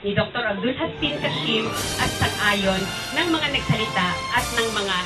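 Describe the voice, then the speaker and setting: A woman's voice: on the high side, moderate pace, over loud music. A woman hosting a television program, polite and speaking straight to the viewers. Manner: polite, addresses viewers directly. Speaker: program host.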